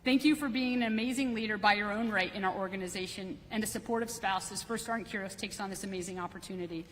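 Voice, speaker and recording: A woman's voice: medium pitch, fast, a bit bright. A woman delivering a prepared, formal podium speech as a military leader welcoming people at a ceremony. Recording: reverberant hall, faint background noise.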